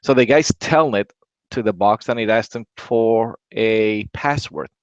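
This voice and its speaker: Rambling low-voiced man, dull dry audio. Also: measured pace, dry recording. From Latin America. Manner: rambling, repeats words, many "right?" tags. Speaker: podcast host. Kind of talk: casual tech chat.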